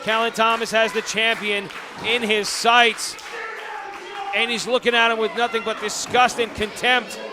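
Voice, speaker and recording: A man's voice: high voice, level tone, measured pace, background noise. A man working as a wrestling commentator, calling the action live in emphatic, formal, dramatic phrases. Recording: loud venue crowd behind. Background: live crowd.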